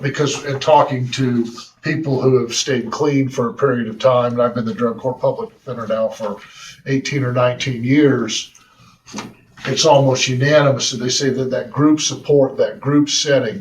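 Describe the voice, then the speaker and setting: Earnest man speaking in a roomy chamber. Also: mid-range voice. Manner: earnest, halting with repeated restarts. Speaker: drug court public defender. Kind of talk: public comment at a county meeting. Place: county council chambers. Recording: roomy chamber audio from far mic.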